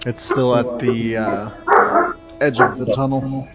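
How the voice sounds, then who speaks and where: A man's voice: medium pitch, level tone, takes it slowly. A man acting as game master, narrating and refereeing a tabletop role-playing game. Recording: slightly dull sound, faint music behind.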